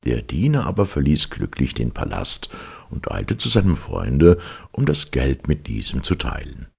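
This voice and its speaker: A man reading a fairy tale aloud as a storyteller, with an expressive, varied delivery. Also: rumbling low, moderate pace, vocal fry, breathy edge.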